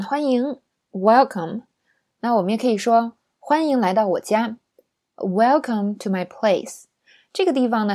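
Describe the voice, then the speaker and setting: A woman's voice: medium pitch, darkish tone. Chatty woman teaching English. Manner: chatty and playful, with many rhetorical asks. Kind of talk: online English lesson.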